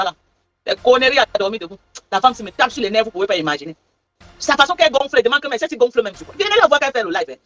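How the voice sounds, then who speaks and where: A woman's voice: mid-range voice, a bit bright, muffled recording. A woman from Cameroon, delivering an angry livestream rant full of mocking, repetitive taunts. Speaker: social media livestreamer.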